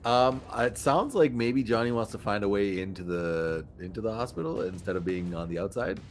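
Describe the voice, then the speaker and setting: A man with a lowish voice plays a tabletop game, talking casually and tentatively. Music sits behind him. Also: normal speed.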